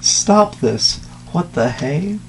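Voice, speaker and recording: Reading a story aloud in an informal, dramatic way, this young man draws out his words in a fairly high, sing-song voice, stumbling now and then and pausing for casual side comments. He's on a couch in a small, dim room, and the homemade recording is noisy with a hum.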